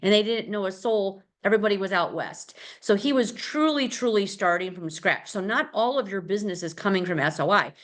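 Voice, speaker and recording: A woman's voice: mid-range voice, a little fast, hardly any pauses. A middle-aged woman leading a casual real estate team training, chatty and rambling, with many fillers and restarts.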